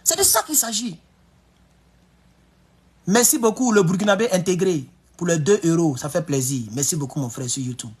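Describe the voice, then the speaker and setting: A man giving excitable, emphatic political commentary on a live stream. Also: high-pitched, normal speed, long pauses, breathy edge.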